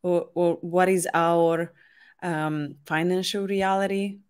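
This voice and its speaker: A woman's voice: on the low side, steady tone, slow pace, smooth. A woman from Hungary hosting a casual chat, speaking hesitantly and searching for words. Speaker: host.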